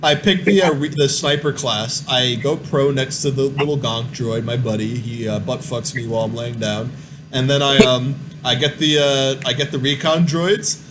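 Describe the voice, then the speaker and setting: A man's voice: medium pitch, fairly even intonation, normal speed, background noise. A young man in casual gaming chat, rambling with many fillers and restarts. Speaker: podcast host.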